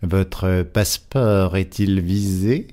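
A man reading aloud as a calculating police inspector who draws words out slowly and deliberately. His voice is low and mellow, close to the reader's own, always probing. An audiobook character voice. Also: steady tone. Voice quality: measured, deliberate, questioning.

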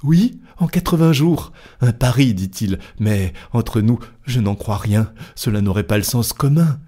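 A man voicing a chatty, excitable young French manservant in an audiobook, talking eagerly and fast. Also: medium pitch, voice pushed up. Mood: excited. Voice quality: eager, quick, talkative. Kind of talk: audiobook character voice.

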